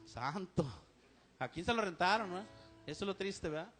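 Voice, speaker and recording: A man's voice: sits high, animated, normal speed, a bit bright, soft background music. A man with a Mexican Spanish accent preaching a sermon to his congregation, asking them questions and saying amen often. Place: church service, live stream.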